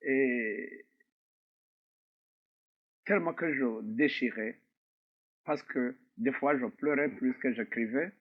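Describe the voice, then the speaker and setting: A middle-aged man from Rwanda gives a slow, grave testimony as an interview guest, pausing often between phrases. His voice sits at an ordinary pitch. The sound is thin and phone-like, as if heard over a narrow line. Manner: measured and grave, with frequent pauses. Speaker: interview guest, author and survivor. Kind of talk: slow, reflective personal testimony.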